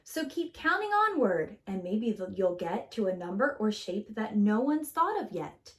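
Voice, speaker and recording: In a mid-range voice and at a measured pace, a preschool teacher performs a children's picture book aloud. The woman's delivery is expressive and theatrical, with a sing-song lilt.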